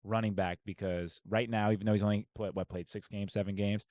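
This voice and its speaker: A man's voice: fairly low pitch, steady tone, fairly quick, darkish tone, no room sound. A man co-hosting a casual sports and pop culture podcast, rambling with restarts and slang. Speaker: podcast co-host.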